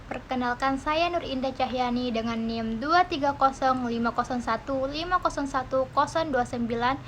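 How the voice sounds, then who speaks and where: A young woman from Indonesia, a university student, reads out a prepared academic presentation in a steady, careful way, spelling out her examples. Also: high voice, moderate pace, a little hiss or hum, low-quality recording. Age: young adult. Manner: steady, careful reading with demonstrative stress examples. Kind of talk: read-aloud academic presentation.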